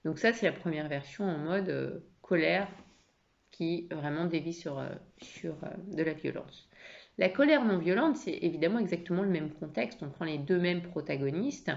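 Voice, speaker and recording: A woman's voice: lowish voice, animated, moderate pace, vocal fry, lo-fi sound. A woman coaching on emotions, talking in a conversational way with many fillers and restarts. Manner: conversational, with frequent fillers and repeated words. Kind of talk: explanatory lesson.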